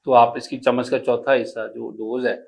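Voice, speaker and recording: A middle-aged man, an Ayurvedic doctor explaining health advice in an animated, explanatory way. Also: mid-range voice, normal speed, creaky. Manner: animated, explanatory, with homely personification.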